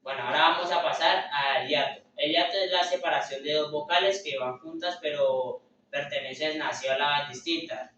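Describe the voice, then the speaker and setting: A man's voice: fairly high pitch, moderate pace, hardly any pauses, pushed and bright, slight background noise. Hesitant young man presenting in an echoey room. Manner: hesitant, filler-heavy, self-correcting. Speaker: student presenter. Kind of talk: class presentation. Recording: echoey room, far from mic, dull lo-fi.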